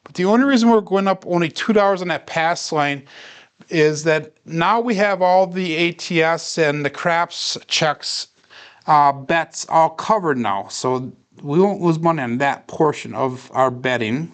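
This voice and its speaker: Calm and steady, this man gives casual livestream commentary as he practices craps. His smooth, clean voice is on the higher side for a man, making him pleasant background listening.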